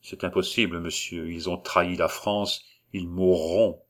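A commanding royal regent gives orders in a deep, stern voice, as a male reader plays him. The delivery is firm and authoritative, with weight on each command. It is an audiobook character voice, close to the reader's own. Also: fairly even intonation, a little slow.

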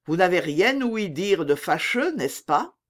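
A woman voicing a shy, courteous young nobleman in a read-aloud novel, lowering her voice and speaking hesitantly. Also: very animated, measured pace.

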